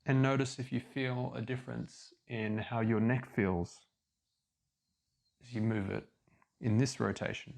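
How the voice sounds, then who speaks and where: A man leading a guided yoga class as instructor, giving calm, measured step-by-step cues. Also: medium pitch, creaky.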